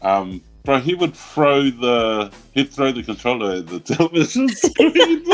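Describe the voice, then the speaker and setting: A young New Zealand man co-hosting a laid-back livestream. His voice swings up and down lively as he rambles through stories, laughing often. Faint music plays underneath. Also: medium pitch, a little slow. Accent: New Zealand English. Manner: rambling storyteller, laughs a lot. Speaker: livestream co-host. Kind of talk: casual group chat.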